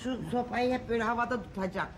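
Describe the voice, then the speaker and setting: A woman's voice: on the high side, quick pace, lightly acted. A woman playing a middle-aged, gossipy, showy rich matron, chatting and boasting in a TV comedy. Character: gossipy, showy nouveau-riche family matron. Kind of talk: Turkish TV comedy acting. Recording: clearly noisy room.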